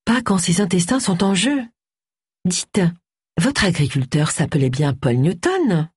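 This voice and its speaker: A woman voicing a kind, gentle vicar's wife who speaks softly and sympathetically. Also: fairly low pitch, very animated, measured pace, breathy edge, no echo, studio quality, heavily acted. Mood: friendly.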